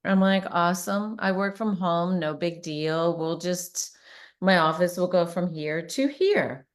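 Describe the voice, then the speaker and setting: A middle-aged woman hosts a relaxed conversation in an upbeat voice. She laughs easily and slips into playful quoted asides as she tells stories. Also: lowish voice, measured pace. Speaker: host, real estate agent. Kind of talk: casual chat.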